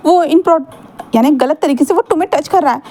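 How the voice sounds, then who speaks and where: A woman's voice: high-pitched, a little fast, dark tone, voice pushed up, close to an everyday voice. A woman voicing a jealous young man who protests heatedly at his partner, with a raised, strained voice in a storytelling reading. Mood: jealous, indignant. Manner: protesting, heated, repeatedly questioning.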